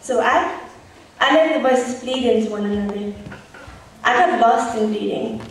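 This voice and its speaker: A young woman calmly and reflectively introducing a stage monologue piece. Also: fairly high pitch, a little slow. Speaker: stage performer. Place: stage in a hall. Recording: echoey hall from far off, faint noise.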